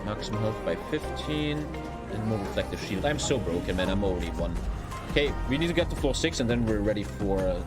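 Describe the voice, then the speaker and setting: Over loud music, a man with a German accent talks briskly and expressively in a lowish voice. Streaming live, he rambles through casual chat over his gameplay, blunt and swearing a lot.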